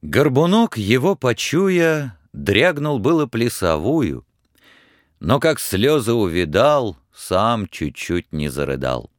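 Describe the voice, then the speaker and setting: A man narrating a fairy tale in verse, in measured storytelling. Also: medium pitch, sing-song, dry recording, clean studio sound.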